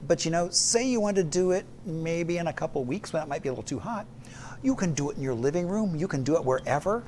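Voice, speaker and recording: An easygoing man co-hosting a morning talk show, rambling and joking in relaxed conversation. His voice sits a bit high for a man. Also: fast, a little hiss or hum. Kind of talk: casual chat.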